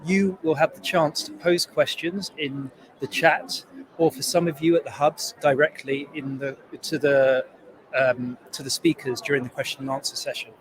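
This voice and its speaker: A man's voice: on the high side, fairly even intonation, moderate pace, rough recording. A young man, a postdoc, welcoming the audience and introducing a speaker, with some hesitant fillers. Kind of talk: event host introduction.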